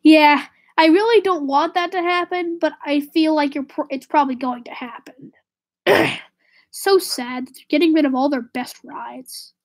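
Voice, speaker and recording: Her voice is high and at normal speed, roughened slightly by a cold that leaves her nose stuffy. Live streaming, she chats casually and rambles to viewers, fixing her own words and now and then sinking to a whisper.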